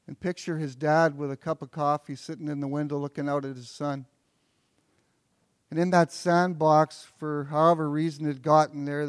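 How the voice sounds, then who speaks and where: A man's voice: on the high side, clear, resonant tone, dry recording, clean studio sound. A pastor preaching an earnest sermon, often repeating words as he builds toward a point.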